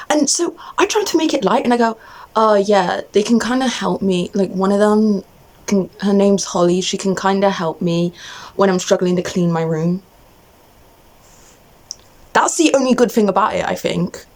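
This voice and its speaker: A woman's voice: mid-range voice, normal speed, pauses often, darkish tone. A young adult woman in an agitated, exasperated rant to camera, venting off the cuff in a casual way and often cutting herself off. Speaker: vlogger.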